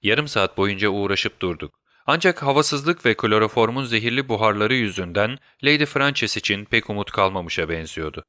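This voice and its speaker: Male audiobook narrator, measured storyteller, bright tone, dry close recording. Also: lowish voice, lively intonation, no room sound. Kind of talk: scripted narration.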